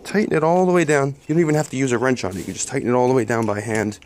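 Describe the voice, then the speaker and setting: A man's voice: mid-range voice, very fast, a little mellow, slight background noise. Man filming a garage repair by phone. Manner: plain-spoken, apologetic, occasionally swears. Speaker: home mechanic. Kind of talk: casual how-to vlog. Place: garage workbench under a tent. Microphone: phone held one-handed close to the work.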